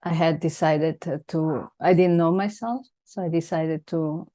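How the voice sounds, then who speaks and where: Hosting an unscripted, heartfelt conversation over a video call, a woman whose first language is Italian speaks with a mixed Venezuelan Spanish accent and searches gently for her words. Her voice sits low, with fairly even intonation and a measured pace.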